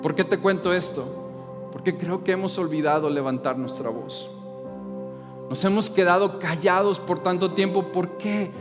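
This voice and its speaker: A pastor with a notably high voice delivers an impassioned sermon, firing rhetorical questions at his congregation. His voice rings through a large, reverberant church hall, with soft music faintly underneath. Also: normal speed. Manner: impassioned, rising to shouts when pleading.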